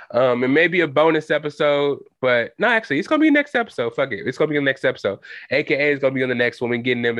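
A young adult man hosts a solo podcast, chatting casually in slang and filling his talk with lots of fillers. His voice is medium-pitched and a bit bright. The dull lo-fi home recording has no room sound.

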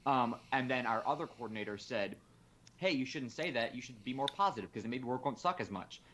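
A man in a middle-pitched voice, chatting casually as a podcast co-host. He tells stories with lively, acted-out quotes and swears freely. A faint hiss sits under the recording. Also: quick pace. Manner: animated storyteller who swears freely and acts out quotes. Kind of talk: casual chat, telling a work story.

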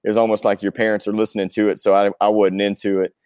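A man's voice: lowish voice, little pitch movement, fast talker, darkish tone, no room sound, clean studio sound. A man in his forties talking casually as a guest, earnest and reflective, rambling through personal thoughts. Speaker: interview guest, touring rock drummer. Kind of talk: casual chat.

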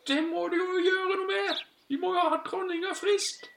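A man voicing an excitable little male sparrow that chatters in a squeaky voice. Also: gravelly, a little hiss or hum, full character voice. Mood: chirpy. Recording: roomy echo.

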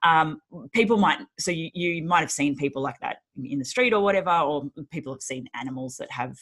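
A young woman from Sydney, Australia, a former teacher and Paralympian, appears as a guest in a casual interview, chatting upbeat with lots of fillers and frequent laughter. Her voice is low and a bit bright, and she speaks briskly.

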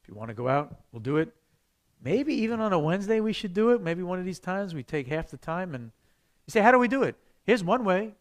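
Animated New pastor teaching a class. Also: male voice, high-pitched, fairly quick. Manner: conversational, animated with sudden loud bursts.

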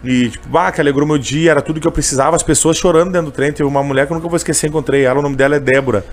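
A man's voice: fairly high pitch, steady tone, rapid-fire. A man telling a personal story in a casual interview, emotional and full of fillers. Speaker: interviewee, candy seller who sings on trains.

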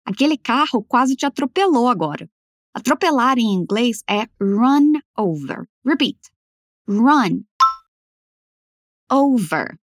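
Uma mulher dando aula de inglês em português, falando devagar e articulando as frases com cuidado para o aluno repetir. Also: female voice, fairly high pitch, no room sound, clean studio sound. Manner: slow, careful over-articulated model phrases. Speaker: English teacher. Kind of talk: language lesson, repeat-after-me drills.

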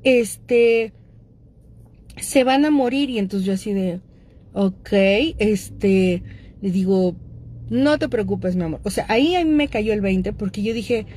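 A woman's voice: medium pitch, unhurried, dark tone, slightly rough. A middle-aged woman with a Mexican accent, hosting and speaking casually and directly to her audience about addictions, with frequent fillers. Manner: conversational, addresses listeners directly, frequent fillers.

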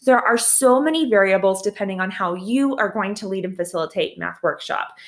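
A woman's voice: medium pitch, expressive, brisk. A young woman teacher talks through her classroom routines in an easy, practical way. She sounds friendly and down to earth, with a mid-range voice, and now and then gives a small laugh at her own slips. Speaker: teacher sharing classroom tips. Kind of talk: casual instructional talk.

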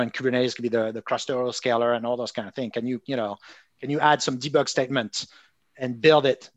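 A man's voice: mid-range voice, dry recording, dull audio. A man from France, a guest explaining tech ideas in a hesitant way full of "you know". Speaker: guest speaker. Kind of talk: casual tech interview chat.

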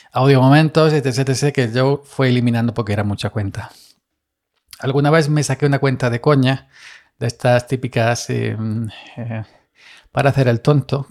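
A man's voice: mid-range voice, creaky, darkish tone. A man from Andalusia, talking casually on his own podcast in a rambling, self-deprecating way with many fillers and restarts. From Andalusia, Spain. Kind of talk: casual solo podcast monologue.

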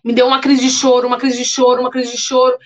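High-voiced woman giving an earnest testimony. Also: quick pace. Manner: animated, earnest storytelling with repetitions. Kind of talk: emotional testimony sermon. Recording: dull lo-fi sound.

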